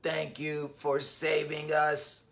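A man doing a slow, hushed robot leader. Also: monotone, vocal fry, full character voice. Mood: solemn. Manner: slow, low, hushed delivery. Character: polite grateful male robot leader.

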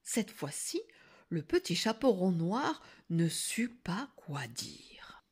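Slow, expressive storytelling woman. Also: on the low side, breathy edge. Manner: slow, expressive, sometimes hushed. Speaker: teacher reading aloud. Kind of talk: storybook read-aloud.

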